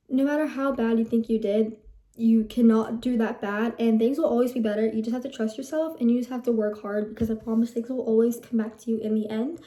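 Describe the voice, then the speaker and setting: Chatty and rambling, a young teen woman walks through her skincare routine in a casual vlog, correcting herself often. The voice is mellow and on the high side, with a roomy sound. She has Telugu heritage, with English as her first language.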